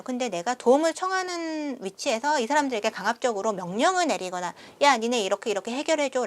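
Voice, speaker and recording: A young woman vlogger telling a travel story casually to camera, acting out the quoted lines. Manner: animated, acts out quoted lines with big pitch jumps.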